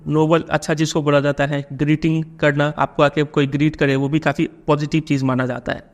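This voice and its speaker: A man's voice: fairly high pitch, flat delivery, fairly quick. A man with an Indian accent, a teacher explaining a poem to students in a patient way, often checking that they follow.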